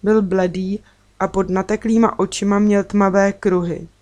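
A woman reading a children's book aloud in a calm, measured storytelling voice. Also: medium pitch. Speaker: narrator.

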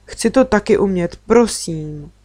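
A woman putting on a bright, eager little girl in a spoken storybook, firing off quick pleading questions in a raised voice. The sound is close and dry. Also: medium pitch, animated, dry recording, lightly acted. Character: lively curious young girl, eager and pleading.

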